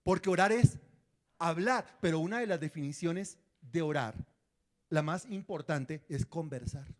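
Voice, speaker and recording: A man's voice: on the high side, a little slow. A man preaching a sermon as pastor, acting out prayers and dialogues and quizzing his congregation.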